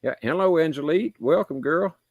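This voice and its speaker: A man with a raspy voice, a guest singer chatting in a folksy, lively way. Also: a little high, fairly quick, no echo. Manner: folksy, lively, swears freely. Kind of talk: casual chat.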